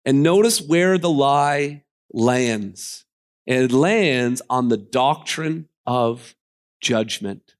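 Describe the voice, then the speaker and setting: A man preaching a sermon in a church, swinging between emphatic, raised lines and quiet, hushed ones. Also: medium pitch, very slow. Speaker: pastor.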